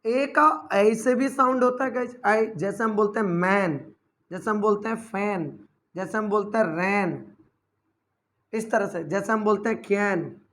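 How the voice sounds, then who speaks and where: A man's voice: high-pitched, a little slow, fairly bright tone. A man, an English teacher giving an online spoken-English lesson. He explains patiently, keeps addressing his students as "guys" and spells out example words letter by letter.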